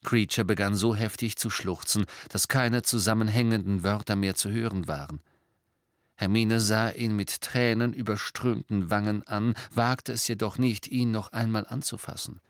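A man reads a storybook aloud, his voice lowish and measured with expressive phrasing. The sound is close and dry, with no room around it. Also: no echo. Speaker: narrator. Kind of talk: audiobook narration.

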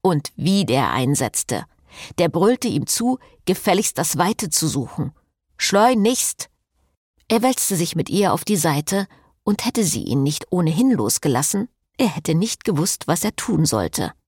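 A woman narrating a novel in an expressive, measured audiobook reading. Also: low-pitched, breathy edge, no echo, studio quality. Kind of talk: scripted narration.

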